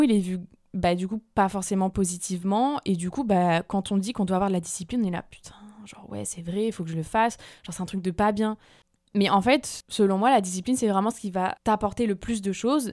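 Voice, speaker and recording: A young woman talks through her solo podcast in a loose, chatty way, full of slang and fillers. Her voice sits at a middle pitch. The sound is dry and close. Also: dark tone, no echo. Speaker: podcast host. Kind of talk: casual solo podcast talk.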